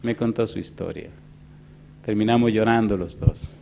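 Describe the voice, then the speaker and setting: A pastor in his fifties preaching a sermon, telling a story in a hushed voice and then rising to loud preaching. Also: on the low side, moderate pace, gravelly, highs cut off, slight background noise. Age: 50s. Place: church.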